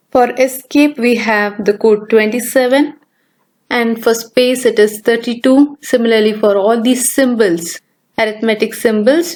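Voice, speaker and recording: A woman with a fairly high voice leads a screen-recorded programming lesson. She explains steadily and talks through each step as she goes. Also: a little mellow. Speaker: programming teacher. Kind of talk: screen-recorded coding tutorial.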